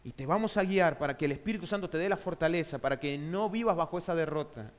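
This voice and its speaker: A man's voice: a little high, expressive, fast talker. A man preaching a sermon as pastor, asking rhetorical questions and having the congregation repeat phrases after him. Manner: call-and-response, has the congregation repeat phrases. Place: church sanctuary. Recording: long hall reverb from a church.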